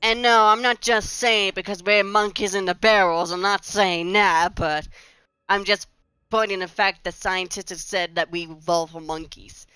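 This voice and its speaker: A woman's voice: medium pitch, steady tone, moderate pace, pushed and bright, smooth, no room sound, rough recording. A woman, rambling chattily over gameplay with restarts and giggles. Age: 20s. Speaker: gaming channel host. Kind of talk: casual gameplay commentary.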